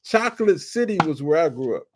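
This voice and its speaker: Excitable older man from D.C. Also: fairly high pitch, brisk, background noise. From Washington, D.C. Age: 60s. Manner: animated, shouts with excitement, drawls and stretches words. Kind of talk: casual storytelling monologue.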